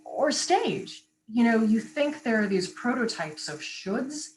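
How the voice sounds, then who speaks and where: Lively woman voice coach with faint hum. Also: on the high side, poor audio. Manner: animated, emphatic, quick asides. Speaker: voice coach and guest. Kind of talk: casual interview chat.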